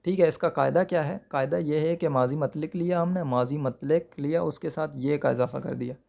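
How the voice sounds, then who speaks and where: A man's voice: on the high side, steady tone, creaky, a little mellow. A man teaching Persian grammar patiently, repeating each word and asking rhetorical questions. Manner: checks understanding with rhetorical questions. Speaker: language teacher.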